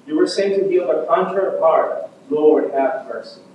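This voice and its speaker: A man serving as priest and leading a Mass in a large church, with a heavy cathedral echo. He moves from a relaxed, chatty greeting to formal prayer. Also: on the high side, a little slow, slight background noise. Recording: muffled echoey church from far off.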